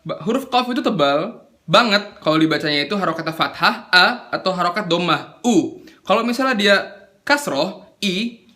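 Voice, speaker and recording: Young man, recitation teacher, casual lesson, high pitch, alternates slow demos and quick talk. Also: animated, bright, forceful tone. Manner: demonstrates sounds slowly, then explains in quick casual chat.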